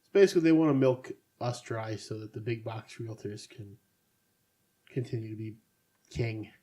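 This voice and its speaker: A man's voice: fairly low pitch, moderate pace, mellow. A man co-hosting a casual podcast, rambling with sardonic asides. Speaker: podcast co-host. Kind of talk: casual chat.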